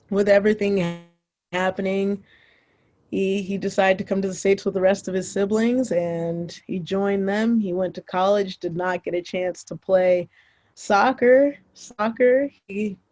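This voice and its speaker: A young woman speaks as a guest on a football podcast. Her voice sits at an ordinary middle pitch, and she tells her story in a loose, rambling way, full of fillers and restarts. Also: warm tone. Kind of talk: casual interview storytelling.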